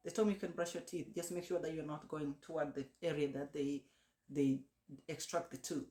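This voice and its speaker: A casual vlogger with a mid-pitched voice talks straight to the viewer. They explain things step by step and often repeat themselves, telling a personal experience with practical advice. The sound is roomy and echoey. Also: fairly even intonation, brisk, warm tone. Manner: repetitive explaining, addressing the viewer directly. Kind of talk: casual first-person vlog recounting an experience with practical tips.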